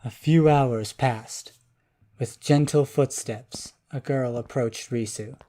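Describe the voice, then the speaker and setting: A man narrating a children's storybook in a calm, even voice. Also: mid-range voice, slow pace.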